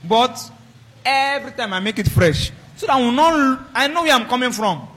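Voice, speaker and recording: A man preaching a sermon, acting out dialogues with animated, raised voices. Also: very high-pitched, moderate pace. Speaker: pastor.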